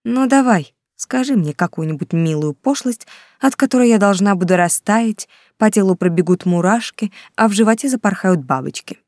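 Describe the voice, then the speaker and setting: A woman's voice: medium pitch, lively intonation, normal speed, darkish tone, dry recording, clean studio sound, natural voice. A woman voicing a tired young woman working late at night, whose thoughts are sarcastic. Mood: wry. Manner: sarcastic inner voice. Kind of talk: audiobook reading.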